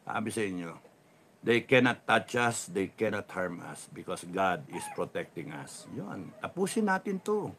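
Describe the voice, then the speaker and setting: A middle-aged Filipino man hosting a casual livestream, reading viewer comments, laughing often and dropping to a low mutter after his jokes. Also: big pitch swings, a little slow, a bit bright, slight background noise. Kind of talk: casual livestream talk, mixing Tagalog and English.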